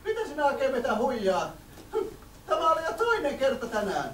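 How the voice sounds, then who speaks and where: A man voicing flustered village women in a squealing, panicky falsetto. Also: huge pitch swings, a little hiss or hum, exaggerated voice. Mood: scolding. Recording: echoey room from far off.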